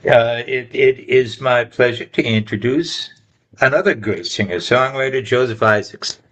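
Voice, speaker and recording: A man co-hosting a virtual open mic, introducing performers in an easygoing, halting way over a video call. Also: medium pitch, a bit bright, a little hiss or hum. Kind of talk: casual live-stream hosting.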